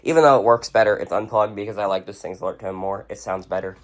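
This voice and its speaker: A low-pitched voice talks quickly as a person shows off their radio collection, unscripted and casual. Surrounded by shelves and tables of radios indoors at home, they offer brief, blunt verdicts in an offhand manner.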